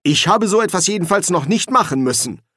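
A man's voice: sits high, expressive, brisk, fairly bright tone, dry recording, clean studio sound, voice pushed up. A man doing snappish pompous old wizard. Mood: snapping. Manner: snappish, lecturing.

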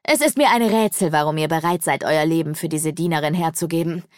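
A woman's voice: low-pitched, brisk, darkish tone, no echo, studio quality, lightly acted. A woman voicing a haughty, cruel male demon lord who talks down to others with scorn, in an audiobook. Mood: scornful. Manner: scornful, condescending.

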